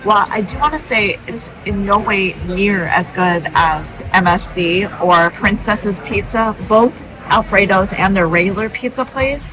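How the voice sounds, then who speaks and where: A woman's voice: mid-range voice, a little slow. Cheerful woman cruise vlogger, casual chat to camera, faint music underneath. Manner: chatty, upbeat, addresses viewers directly. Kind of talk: casual vlog narration. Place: aboard a cruise ship.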